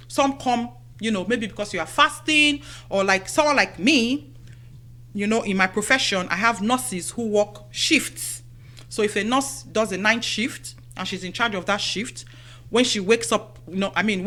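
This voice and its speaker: A middle-aged woman talks warmly and conversationally into a studio microphone, offering everyday advice in a chatty, motherly way. She drifts through her points with frequent "you know" asides, sounding like a friendly radio host chatting with her listeners. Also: medium pitch. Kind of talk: casual advice talk to women listeners.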